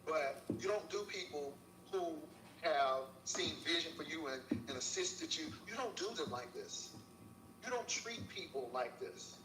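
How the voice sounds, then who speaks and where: A YouTuber in a clip lectures a rival woman in a heated, preachy way, scolding and saying her name over and over. His fairly high voice is expressive and a little slow, heard over music. The room echoes, he sits far from the mic, and there's a faint hiss.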